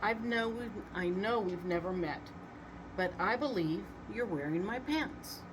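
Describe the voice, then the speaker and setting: A woman's voice: medium pitch, expressive, unhurried, background noise, close to an everyday voice. A woman voicing an earnest old Santa in a storybook reading, stammering and plaintive. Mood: polite, firm. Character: Santa, pleading, flustered, earnest old man.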